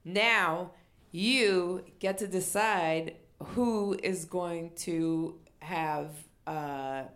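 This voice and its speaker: A woman's voice: fairly low pitch, very slow, a bit bright. A woman hosting a live storytelling show, hyping the crowd and leading chants. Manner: hypes the crowd, leads chants. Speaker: host.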